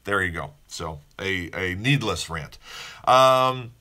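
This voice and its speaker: A man's voice: low voice, lively intonation, slow pace, sharp tone. A man hosting a casual morning show, talking in a rambling, upbeat way with many restarts and fillers. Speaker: host of a daily morning show.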